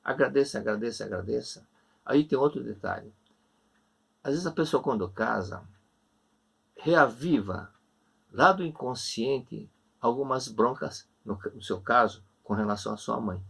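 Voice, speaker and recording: Brazilian male lecturer, online class, warm repetitive counsel, raspy voice. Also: mid-range voice. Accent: Brazilian Portuguese. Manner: gentle, repetitive, reassuring counsel. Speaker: religious lecturer. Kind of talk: online religious class answering questions.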